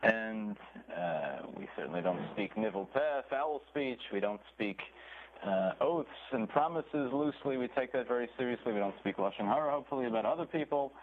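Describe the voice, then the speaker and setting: A man's voice: medium pitch, normal speed. Male rabbi, lecture style, reads and translates text, tinny phone-like sound, faint hiss. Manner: reads Hebrew phrases then translates, animated storytelling. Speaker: rabbi teaching a Torah class.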